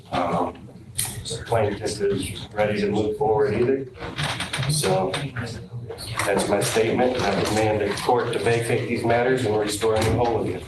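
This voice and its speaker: A man speaking as a defendant in court, halting with frequent pauses and ums, heard on a courtroom recording. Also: on the low side. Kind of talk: courtroom statement. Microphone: distant room mic. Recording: echoey, noisy distant courtroom recording.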